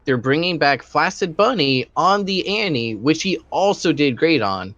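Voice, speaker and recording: A man's voice: on the high side, animated, normal speed, a bit bright, no room sound. A man giving playful, hyped color commentary on an esports final. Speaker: esports co-caster. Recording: dull, dry mic.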